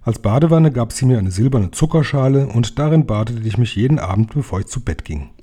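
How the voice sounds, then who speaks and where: A man reading a children's novel aloud as audiobook narration, calm and measured. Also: medium pitch, husky. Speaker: reader.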